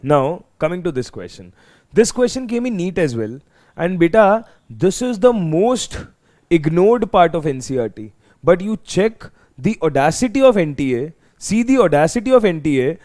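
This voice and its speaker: A man's voice: sits high, sing-song, moderate pace, a little mellow. A man with a North Indian accent teaching a live exam revision lesson, emphatic and often repeating phrases for students. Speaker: chemistry teacher.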